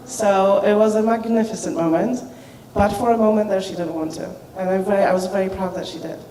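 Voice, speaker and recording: A woman's voice: medium pitch, steady tone, brisk, mellow. A woman who learned English as a second language, an educator speaking earnestly and emphatically at a group discussion. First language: not English. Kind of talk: spontaneous storytelling at a group discussion. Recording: echoey room, distant mic, noise.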